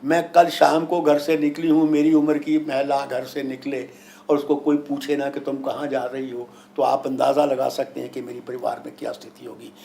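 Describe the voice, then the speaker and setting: A man's voice: medium pitch, little pitch movement, normal speed, gravelly, warm tone, slight background noise. A man speaking as a guru and astrologer, giving an emphatic, didactic discourse with anecdotes, repetition and rhetorical questions. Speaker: guru and astrologer being interviewed. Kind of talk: spiritual discourse with anecdotes and explanations.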